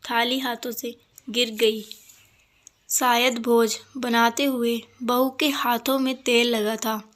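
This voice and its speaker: A woman narrating a family story in a deliberate, scripted storytelling manner. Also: a little high, fairly bright tone. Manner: slow, deliberate telling.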